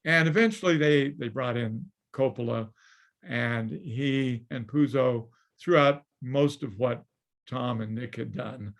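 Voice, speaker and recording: A man's voice: mid-range voice, slow, gravelly. An older man telling showbiz anecdotes as an interview guest, chuckling and acting out the people he quotes over a video call. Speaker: guest, former studio story editor and screenwriter.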